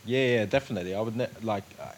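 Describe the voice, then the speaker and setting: Relaxed man chatting as a guest. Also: fairly low pitch, very fast, slight background noise. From North London, England. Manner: relaxed, with frequent fillers and agreeing "yeah"s. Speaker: podcast guest. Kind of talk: casual conversational interview.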